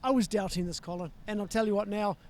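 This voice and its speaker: Fast, high-voiced enthusiastic male host. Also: steady tone, a little mellow. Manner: enthusiastic, emphatic repetitions. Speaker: event co-host. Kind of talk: live event commentary and interview. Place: outdoor event stage at night.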